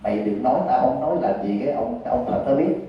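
A man's voice: mid-range voice, expressive, dull audio, natural voice. A monk with a Southern Vietnamese accent voicing a blunt, scolding wealthy old woman in a sermon story, recorded far from the mic in an echoey hall. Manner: scolding, coarse, fast.

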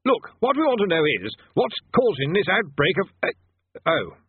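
A man's voice: high-pitched, huge pitch swings, moderate pace, breathy edge, no echo, voice pushed up, full character voice. A man voicing a nervous, deferential older male wizard in a fantasy audiobook, hesitant and polite. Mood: flustered. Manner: flustered, hesitant, stammering politeness. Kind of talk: audiobook character voice in comic fantasy. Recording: band-limited, phone-like audio.

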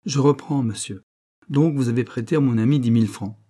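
Un homme jouant un jeune peintre ferme et posé. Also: male voice, mid-range voice, dark tone, lightly acted. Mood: firm. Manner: measured, formal, pressing. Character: young painter, firm, controlled, growing angry.

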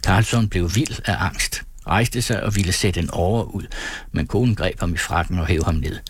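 A man narrates a novel in a measured storytelling manner. His voice sits low with a husky grain. The recording is dry and close, without room sound. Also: no echo. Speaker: audiobook narrator. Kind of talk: scripted narration.

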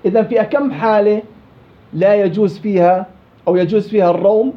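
A man's voice: high-pitched, fairly even intonation, quick pace. A man teaching tajweed rules to a class, quizzing students and drilling examples aloud. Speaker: Quran recitation teacher. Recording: dull lo-fi classroom recording.

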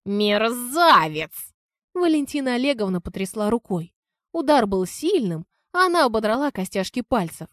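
Woman narrating an audiobook, lively. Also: a little high, a little fast, no room sound, clean studio sound. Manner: first-person, lively.

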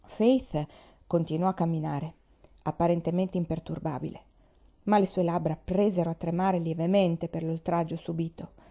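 A woman reading a children's novel aloud in a calm, measured narration. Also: fairly low pitch, lo-fi sound. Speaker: reader. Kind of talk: audiobook narration.

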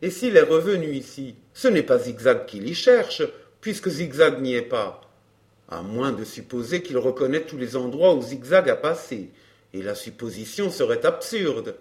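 A composed gentleman lays out his reasoning in an even, measured way, as a man reads him. His voice is mid-pitched for a man. It is read like an audiobook. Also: lightly acted. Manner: measured, explanatory. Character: calm, reasoning young gentleman. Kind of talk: audiobook character reading.

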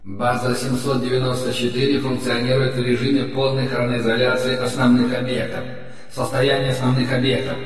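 A man's voice: mid-range voice, flat delivery, a little fast. A man voicing a cold machine base guard that reports formally in clipped phrases, heard as an echoing, distant comms-channel voice. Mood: flat report. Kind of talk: audiobook narration. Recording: echoey hall-like effect, distant, faint music.

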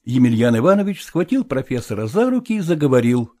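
A man reading a classic novel aloud as narrator, in a measured storytelling manner. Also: medium pitch, sing-song, a little mellow, no room sound, clean studio sound. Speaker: audiobook reader. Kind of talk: literary narration.

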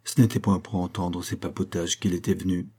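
A man reading a classic novel aloud in a measured, literary manner. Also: sits low, flat delivery, mellow, breathy edge. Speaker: audiobook reader. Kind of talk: scripted narration.

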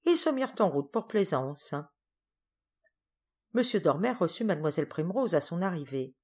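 A woman reading a storybook aloud in measured, even narration. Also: on the low side, slightly rough. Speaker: audiobook reader.

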